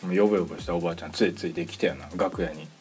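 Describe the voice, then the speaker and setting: A man with a Kansai accent hosting a casual podcast chat, telling stories with lively acted-out quotes. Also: deep voice, rapid-fire, husky, faint music behind. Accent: Kansai Japanese. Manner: animated storyteller acting out quoted voices. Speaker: podcast host.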